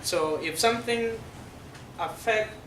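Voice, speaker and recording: This is a classroom presentation by a guest speaker, a middle-aged Dinka man from South Sudan whose voice is a bit high for a man. He stops often with fillers as he explains, and the audio is distant and echoey with a noisy background.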